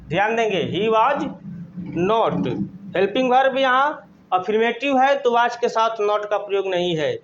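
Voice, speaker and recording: A man with a Hindi accent teaches grammar, speaking very slowly and repeating each phrase as if dictating notes. His voice sits fairly high for a man. The recording sounds dull and lo-fi. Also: a bit bright, slight background noise. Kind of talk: classroom grammar lesson.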